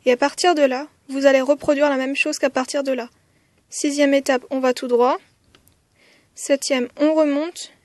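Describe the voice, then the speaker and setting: A woman's voice: sits high, little pitch movement, normal speed, no room sound. A woman teaching a writing lesson step by step, with frequent "euh" hesitations and counting strokes aloud. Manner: counts strokes aloud, softly whispering some counts. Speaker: language teacher.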